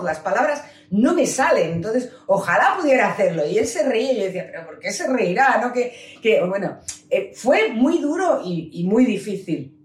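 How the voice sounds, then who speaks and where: Earnest Spanish woman telling her story, roomy. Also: mid-range voice. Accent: Peninsular Spanish. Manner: earnest storytelling, addresses listeners directly. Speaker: business seminar speaker. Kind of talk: personal testimony talk to an audience. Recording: roomy sound from a distant mic.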